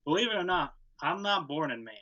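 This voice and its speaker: Young guy from connecticut, bright voice, laid back, short plain answers. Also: fairly high pitch, lively intonation, fairly quick, muffled recording. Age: young adult. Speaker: guest angler. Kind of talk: casual interview answers.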